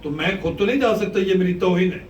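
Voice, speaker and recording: A male cleric giving an impassioned mourning sermon, telling the story with rising, shouted lament. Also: high voice, recorded from a distance. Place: large mosque hall. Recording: echoey hall recording from afar, faint hiss.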